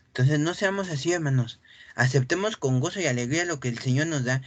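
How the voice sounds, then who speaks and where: A man preaching with real animation, leaping up in pitch when he acts out the scripture scene. He often stops to clear his throat. The recording is dry and close, with little room sound. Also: moderate pace, a bit bright, no echo. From Mexico. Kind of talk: sermon.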